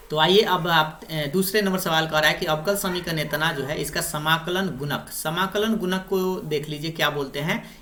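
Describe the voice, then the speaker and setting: A woman's voice: low-pitched, fairly bright tone. A young woman teaching maths, patiently explaining exam problems step by step and repeating herself. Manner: patient, repetitive explaining with frequent "dekhiye" and "thik hai". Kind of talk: exam-prep lesson over worked problems.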